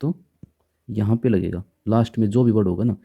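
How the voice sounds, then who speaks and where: A man's voice: fairly low pitch, steady tone, fast, gravelly, phone-quality sound. A man teaching a grammar lesson in a patient way, often stopping to check in with his students. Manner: patient, repeats rules with frequent check-ins.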